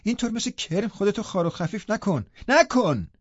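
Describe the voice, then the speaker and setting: A man's voice: a little high, lively intonation, no echo, pitched above the performer's own voice. A man doing a scornful, angry young woman. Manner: sharp, scolding, indignant. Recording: dull lo-fi recording.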